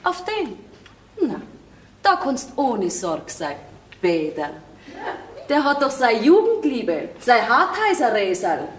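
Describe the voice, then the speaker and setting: A young actress with a Bavarian accent, playing a cheeky, headstrong young bride-to-be. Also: female voice, fairly high pitch, huge pitch swings, slow, long pauses, recorded from a distance, slight background noise, heavily acted. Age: young adult. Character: spirited, stubborn young bride-to-be. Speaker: stage actress. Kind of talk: folk theater comedy acting. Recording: echoey stage sound, off-mic.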